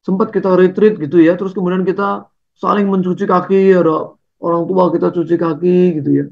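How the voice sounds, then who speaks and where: A man's voice: high voice, steady tone, fairly quick, creaky, highs cut off. A man preaching a conversational sermon over slides, tagging his phrases with "ya" and "gitu".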